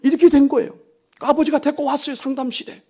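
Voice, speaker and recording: A middle-aged male pastor preaching in a church, telling a story and then exhorting. He drops to hushed near-whispers and rises to loud, emphatic lines. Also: very high-pitched, steady tone, quick pace. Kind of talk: sermon with storytelling. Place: church sanctuary.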